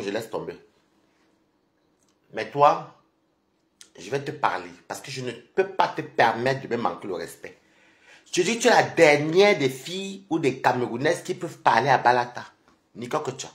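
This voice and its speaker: Tired man taunting a rival live. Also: medium pitch. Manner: taunting, repeatedly calling out his rival. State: tired and sleepy. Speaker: live-stream host. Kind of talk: confrontational live-stream rant. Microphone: phone.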